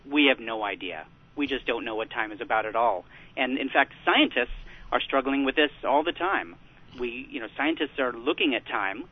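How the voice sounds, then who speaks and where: A man being interviewed about science, explaining eagerly in a mid-pitched voice and restarting his sentences as he thinks. He comes through a thin, phone-like line. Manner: enthusiastic, explanatory, with fillers and restarts. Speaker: guest, popular science writer. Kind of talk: radio interview.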